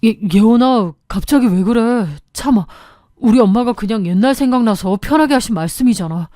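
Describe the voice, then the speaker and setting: A woman's voice: a little high, moderate pace, mellow, no room sound, clean studio sound, lightly acted. A woman voicing a nervous young man who pleads with his fiancée in a hesitant way. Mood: nervous, pleading.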